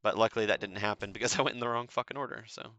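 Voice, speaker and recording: A man's voice: lowish voice, racing, bright, forceful tone. A man in casual voice chat, coaching another player through a raid in a laid-back way, swearing and laughing often. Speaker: raid carry host. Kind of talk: casual voice chat while gaming.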